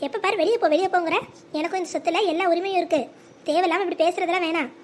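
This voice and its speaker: A voice actor playing a scheming grown daughter who argues and then pleads melodramatically, in a sped-up, pitch-raised cartoon voice. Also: steady tone, racing, a little hiss or hum. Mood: defiant.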